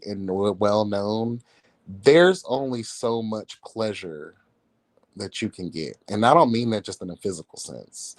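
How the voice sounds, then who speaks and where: Speaking in a fairly low voice on a dry recording, this male livestream host trades in celebrity gossip, his commentary casual, catty, sassy, blunt and full of slang.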